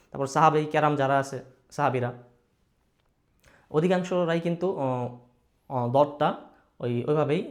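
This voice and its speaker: A man's voice: mid-range voice, darkish tone. Patient man teaching Arabic letter sounds. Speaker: Quran recitation teacher. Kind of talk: slow explanatory lesson.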